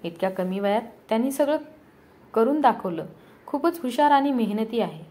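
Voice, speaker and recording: A woman reading the lines of an affectionate young wife who gently coaxes her husband, in a storybook telling. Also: a little high, expressive, moderate pace, natural voice.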